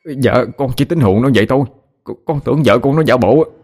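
A man's voice: mid-range voice, quick pace, a little mellow, faint music behind, pitched above the performer's own voice, lightly acted. A man voicing a violent middle-aged husband who stammers and pleads. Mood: pleading.

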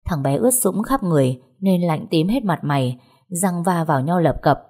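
A woman narrating a first-person audiobook story in a steady storytelling manner. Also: lowish voice, normal speed, husky.

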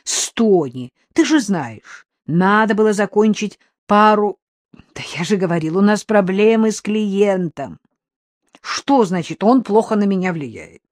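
A woman's voice: mid-range voice, lively intonation, a little slow, no room sound, clean studio sound, natural voice. A woman reading the part of a weary young man who mumbles sheepish excuses, in an audiobook. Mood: defensive. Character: weary, fibbing young man, dog's owner.

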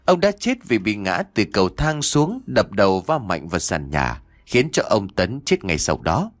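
A man's voice: fairly low pitch, normal speed, dry recording. Theatrical male horror storyteller. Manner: expressive, theatrical. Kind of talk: dramatic horror story narration.

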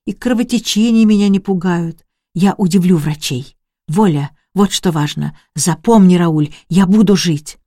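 A reader voicing a young, gravely ill woman who insists feverishly that she will live and orders others about. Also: medium pitch, unhurried, warm tone, no room sound, studio quality. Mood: defiant. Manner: pleading, then commanding and mocking. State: coughing, short of breath.

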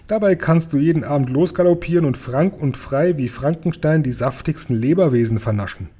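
A man doing a loud, coarse man-eating giant. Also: fairly high pitch, a little fast, slightly rough. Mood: boastful. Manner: loud, sneering, boastful.

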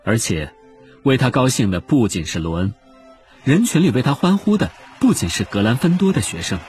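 A man narrating an audiobook with expressive storytelling. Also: mid-range voice, moderate pace, faint music behind. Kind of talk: scripted narration.

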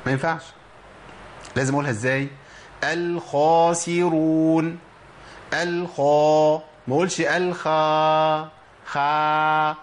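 A man's voice: on the high side, little pitch movement, normal speed, long pauses, a bit bright. A man with an Egyptian Arabic accent teaching Quranic pronunciation, explaining step by step and answering his own questions. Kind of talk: instructional lesson on pronunciation.

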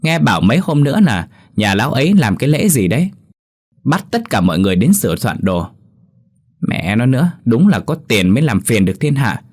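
A man voicing a spiteful young village wife, shouting shrill abuse at her family. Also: sing-song, brisk, husky. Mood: scolding.

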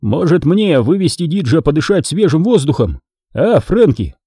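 A man's voice: fairly high pitch, big pitch swings, moderate pace, dark tone, slightly rough, no echo, studio quality, pitched above the performer's own voice, heavily acted. A man reading an audiobook voices a sly, mocking mafia henchman.

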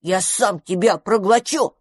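A woman's voice: medium pitch, a little slow, husky, no echo, clean studio sound, pitched above the performer's own voice. A woman voicing a small, boastful boy dragon who speaks boldly and with curiosity. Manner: bold, boastful.

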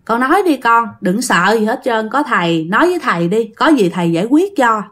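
Brief: woman playing an old shaman, soft coaxing delivery, Southern Vietnamese accent, spoken ghost story. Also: fairly high pitch, animated, fairly quick. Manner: gentle, soothing, coaxing. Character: old male village shaman, calm and coaxing.

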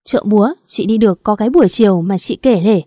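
A nagging, sharp-tongued old mother-in-law, as a woman puts her on in a storybook reading, scolding loudly. Her voice is mellow and dry, close to the mic. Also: mid-range voice, fast, no echo, natural voice. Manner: scolding, sarcastic, loud.

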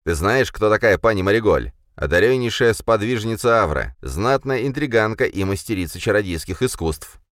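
A venomous, hissing young man, as a male narrator puts him on, pitched well above the reader's deep voice. He snaps heatedly and sarcastically, in a dry, close audiobook recording. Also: animated, fairly bright tone, no room sound. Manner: heated, sarcastic, quick to snap.

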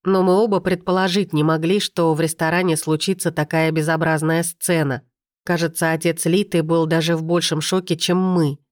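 A woman reading a first-person novel aloud in a steady storytelling manner. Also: low-pitched, normal speed, no room sound, clean studio sound. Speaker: audiobook narrator.

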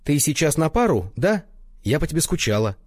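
A man's voice: very animated, normal speed, no echo, studio quality. A man doing a gushing, clingy young woman. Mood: eager. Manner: gushing, high and eager.

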